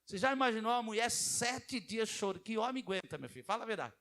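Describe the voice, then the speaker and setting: A male pastor preaching a sermon in an animated way, acting out the people he quotes. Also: high voice, fast.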